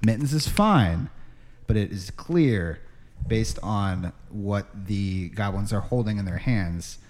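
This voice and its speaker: A man narrating an improvised tabletop game as game master, setting scenes in a deliberate, pausing way. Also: on the low side, animated, darkish tone.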